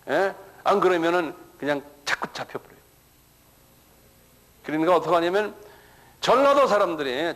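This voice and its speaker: A man's voice: sits high, fairly bright tone, poor audio. A middle-aged male pastor giving a sermon-style lecture, who keeps checking with the audience and repeats words as he starts a thought.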